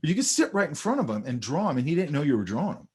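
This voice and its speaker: An art instructor talks very fast, with a breathy edge, through a sketching lesson in a loose, conversational style. Animated and excited by the drawings, his pitch rises and falls a lot as he talks over them, often drifting into stories.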